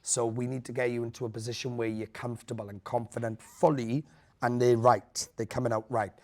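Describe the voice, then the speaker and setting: A man's voice: mid-range voice, little pitch movement, brisk, a little mellow. A man judging a talent show, speaking in a direct, encouraging way as he gives feedback and asks questions. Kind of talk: spoken audition feedback and questions.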